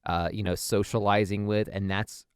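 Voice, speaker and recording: A man's voice: lowish voice, level tone, normal speed, clear, resonant tone, no room sound, studio quality. A man, a father and podcast co-host, talking in a supportive, reassuring way in casual chat.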